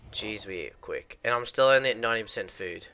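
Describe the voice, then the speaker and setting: A man chatting casually with a friend while playing a video game, teasing and quick with remarks. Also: fairly low pitch, pushed and bright, a little hiss or hum. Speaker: gamer. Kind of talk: casual gameplay chat.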